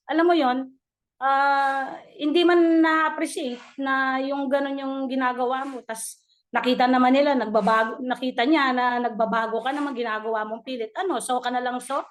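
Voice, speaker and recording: Chatty high-voiced woman sharing testimony. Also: steady tone, normal speed. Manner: chatty, laughing, mixes English into her talk. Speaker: church member sharing testimony.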